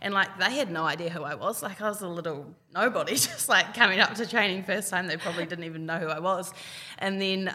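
A woman's voice: on the low side, pushed and bright. A woman in her twenties with a New Zealand accent, a hockey player telling her story as a podcast guest in a chatty way, full of "like". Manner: chatty, full of "like" and reported speech. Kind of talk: casual storytelling. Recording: long reverb.

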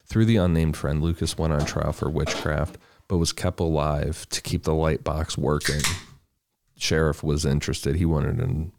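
A man's voice: a bass voice, steady tone, moderate pace, vocal fry, noisy background. A man co-hosting a podcast, retelling a story in a laid-back, crude, casual way. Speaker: podcast co-host telling the story.

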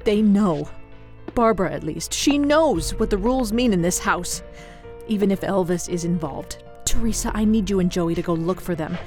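A woman's voice: mid-range voice, animated, normal speed, a little mellow, faint music behind, lightly acted. A woman acting an anxious, strict mother with an urgent, fretful manner in an audio drama. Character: anxious, strict mother of missing teenage daughters.

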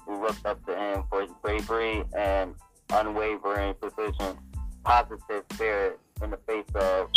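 A man co-hosting a podcast who reads a news statement aloud in a halting, stumbling way, and his voice comes through muffled and bass-heavy. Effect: muffled, bass-heavy sound through a remote mic. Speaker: podcast co-host reading news.

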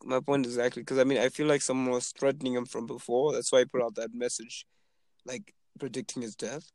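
A twenty-year-old man from Zimbabwe chats casually about being an aspiring rapper, relaxed and rambling with lots of fillers. His medium-pitched voice moves a little fast. The sound is clean studio quality with no room sound.

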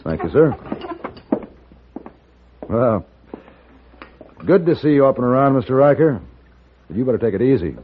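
An actor playing a calm, steady gunfighter who narrates in a measured, deliberate way, in a 1950s radio drama. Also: male voice, medium pitch, breathy edge. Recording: tinny old radio broadcast with music.

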